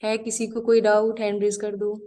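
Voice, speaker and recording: A woman trainer teaching a live online class, giving direct instructions and repeating her points slowly so students can write them down. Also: mid-range voice, completely flat delivery, warm tone.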